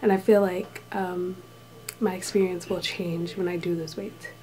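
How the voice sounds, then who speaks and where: A woman talking softly and half-whispering in a casual vlog, recorded in a small room with thin walls. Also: fairly low pitch, little pitch movement, a little slow, low-quality recording. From United States. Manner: talks softly and hushed, drifting into whispers. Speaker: vlogger, English teacher abroad.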